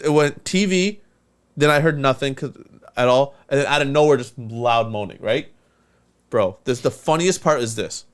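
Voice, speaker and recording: A man telling a story in casual podcast chat, animated and profane, acting out the voices of the people in it. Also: mid-range voice. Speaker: podcast co-host.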